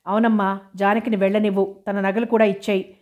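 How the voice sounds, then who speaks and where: A woman reading a firm, steady young man. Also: sits high, moderate pace, natural voice. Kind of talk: audiobook reading.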